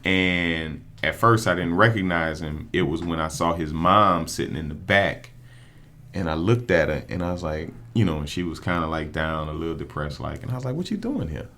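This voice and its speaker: A man's voice: low-pitched, fairly even intonation, moderate pace, pushed and bright. A man, a prosecutor telling stories in a laid-back way with street slang on a casual podcast. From New Orleans. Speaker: prosecutor and judge candidate.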